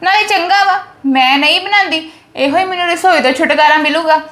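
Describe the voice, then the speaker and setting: High-pitched woman griping and scolding in a family skit. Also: brisk, fairly bright tone. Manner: complaining, scolding. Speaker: actor playing a resentful daughter-in-law. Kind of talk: family drama skit acting.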